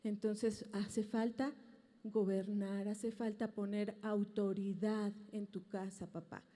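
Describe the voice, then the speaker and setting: A Mexican woman pastor preaches to her congregation about raising children, her mid-range voice dark-toned, slow and fairly flat. She's earnest and emphatic, often posing rhetorical questions, and the large auditorium adds a long reverb.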